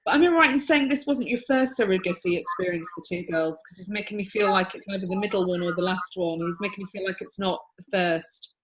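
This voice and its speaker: A woman's voice: mid-range voice, quick pace, hardly any pauses, slight background noise, poor audio. Earnest, emotional woman medium. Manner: chatty, earnest and emotional, with many restarts. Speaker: psychic medium. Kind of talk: relaying spirit messages in a reading.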